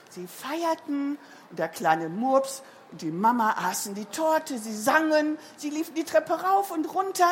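High, slow storybook-reading woman. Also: a little hiss or hum. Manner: lively, sing-song storybook reading. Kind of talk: reading a picture book aloud.

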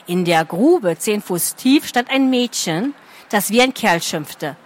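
A woman reading a fantasy story aloud at a steady, expressive pace. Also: mid-range voice, takes it slowly. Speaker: narrator.

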